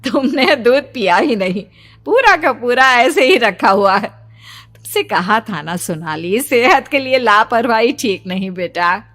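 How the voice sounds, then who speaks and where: A woman voicing a caring mother who coaxes and gently scolds her frightened daughter in a cartoon story. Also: mid-range voice, very animated, measured pace, dry recording, pitched below the performer's own voice. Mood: soothing.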